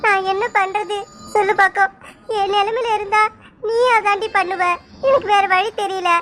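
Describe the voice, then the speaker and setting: A woman voicing a gentle young village woman who is crying and talks in a soft, sorrowful, pleading way in a cartoon. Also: extremely high pitch, little pitch movement, normal speed, soft background music. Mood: tearful.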